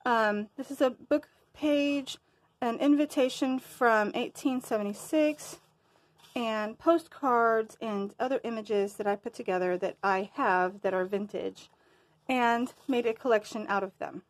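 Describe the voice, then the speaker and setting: A woman's voice: a little high, unhurried. A woman talking casually to her viewers in a crafting show-and-tell, a bit winded and rambling, losing her train of thought now and then. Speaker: crafting vlogger.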